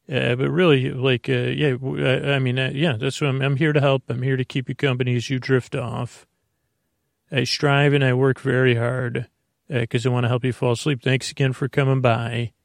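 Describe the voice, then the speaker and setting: A man with a mid-range, creaky voice hosts a sleep podcast, rambling through a bedtime monologue full of hesitations, fillers, and restarts. The studio-quality audio has no room sound.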